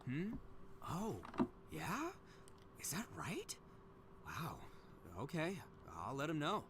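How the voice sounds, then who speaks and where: A man's voice: a little high, sing-song, noisy background, full character voice. A man voicing a brash, good-hearted young gang boss in a video game, cocky and bombastic. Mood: earnest. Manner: cocky, bombastic, drawn-out emphatic words.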